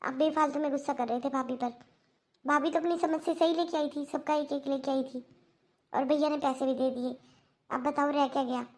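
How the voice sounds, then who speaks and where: Woman as a firm young cartoon daughter, high voice, earnest lecturing tone. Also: fairly even intonation, normal speed, close to an everyday voice. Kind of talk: Hindi cartoon dubbing.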